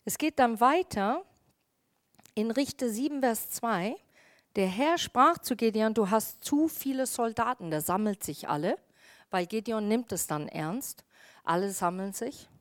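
A woman's voice: mid-range voice, expressive, measured pace, no room sound, clean studio sound. A woman pastor giving a sermon, telling stories and acting out the dialogue in them. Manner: storytelling, acts out quoted dialogue.

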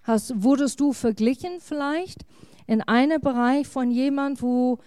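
A woman's voice: sits high, measured pace, warm tone, no room sound, clean studio sound. A woman pastor, preaching a sermon and acting out the biblical dialogue in quoted voices.

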